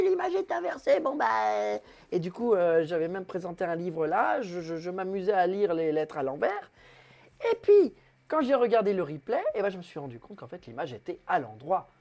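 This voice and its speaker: A man's voice: high-pitched, big pitch swings, a little fast, a little mellow. A man hosting his own web TV show, rambling and self-mocking with many hesitations. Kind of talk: comic solo live stream.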